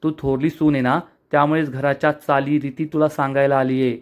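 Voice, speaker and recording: A man reading the lines of a calm, firm young woman who leads her village, explaining steadily. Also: medium pitch, a little fast, clear, resonant tone, dull audio, natural voice.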